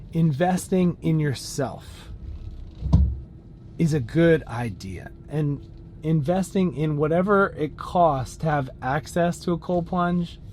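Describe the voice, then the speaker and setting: Slow-talking man with a slightly high voice. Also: a little mellow, slight background noise. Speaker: fitness vlogger. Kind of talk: casual talk to camera, listing points.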